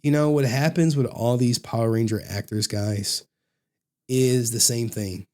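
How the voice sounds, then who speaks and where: An American man giving casual, mocking commentary, animated and often repeating phrases for emphasis. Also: mid-range voice, a little slow. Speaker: online commentator.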